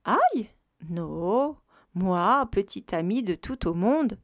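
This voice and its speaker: Woman playing a halting foreign camper. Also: medium pitch, big pitch swings, dry recording, clean studio sound. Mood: eager. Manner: slow broken mixed-language speech. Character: cheerful young male foreign camper.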